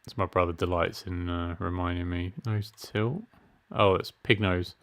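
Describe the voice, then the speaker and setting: A middle-aged man with a low, steady voice speaks at a moderate pace while streaming a game. His let's-play commentary is casual and self-deprecating, and he reads the menu options aloud.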